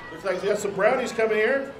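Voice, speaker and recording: A man's voice: sits high, quick pace. An American man doing live parade commentary as co-host, with cheerful, folksy banter. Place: outdoors at a street parade. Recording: echoey outdoor PA, crowd and street noise.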